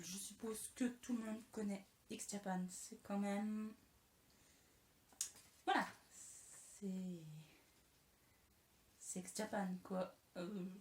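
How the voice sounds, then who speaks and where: Young woman, casual vlog, chatty, self-mocking, stumbles over words, fidgety, echoey room, faint hiss. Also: medium pitch. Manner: fidgets and moves around on camera. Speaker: vlogger. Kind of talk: casual talking-head vlog.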